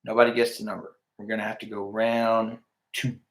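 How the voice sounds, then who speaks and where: A man's voice: lowish voice, little pitch movement, fairly quick. A man hosting a livestream giveaway, talking casually and directly to viewers and often repeating himself. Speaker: livestream host. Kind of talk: casual live giveaway announcing. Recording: echoey room.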